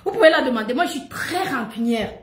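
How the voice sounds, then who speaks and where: A woman's voice: high voice, lively intonation, fast talker. A middle-aged woman streaming live, delivering an emphatic, repetitive gossip monologue and laughing often. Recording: roomy echo.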